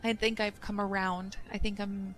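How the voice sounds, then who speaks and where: Young woman doing a let's play, thinks out loud, faint game music under her. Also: mid-range voice, level tone, normal speed. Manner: casual, thinks aloud while playing. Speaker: gaming channel host.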